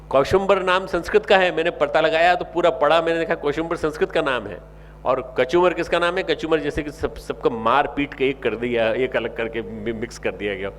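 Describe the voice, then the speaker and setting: A man's voice: medium pitch, slight background noise. Exhorting man preaching to young people. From north India. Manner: exhorting, rising to loud emphatic calls; repeats key phrases for emphasis. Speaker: spiritual leader giving a discourse. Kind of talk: sermon to a youth camp.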